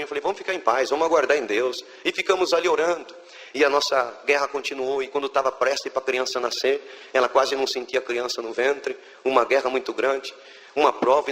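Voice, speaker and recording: A man's voice: mid-range voice, fairly bright tone, big-room sound. A man with a Brazilian Portuguese accent giving a spoken religious testimony in church, telling the story fervently and acting out the words of the people in it.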